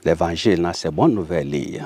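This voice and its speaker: A man from Haiti with a Haitian Creole accent, speaking as a guest in a casual interview, animated and laughing often. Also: deep voice, fairly quick, slightly rough, no room sound.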